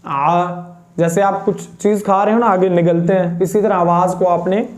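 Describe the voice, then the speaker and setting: A man teaching Quran pronunciation, patiently demonstrating each letter sound slowly. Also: high-pitched, steady tone. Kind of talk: step-by-step pronunciation lesson.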